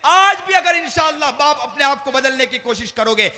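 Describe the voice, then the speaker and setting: A man preaching an emotional sermon, rising into fervent shouts and repeating pious invocations to a gathering. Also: very high-pitched, animated. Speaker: Islamic preacher. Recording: long hall reverb.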